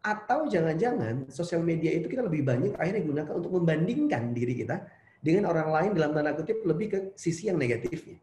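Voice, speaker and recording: A man's voice: on the high side, animated, quick pace, a little mellow. A man, a psychologist, giving a conversational online seminar lecture to students and posing rhetorical questions. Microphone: video call. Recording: roomy echo.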